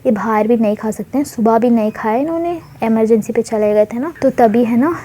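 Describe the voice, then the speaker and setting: A woman's voice: a little high, a little fast, mellow, slight background noise. Chatty woman telling a story. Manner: chatty, mixes English words. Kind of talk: casual spoken story narration.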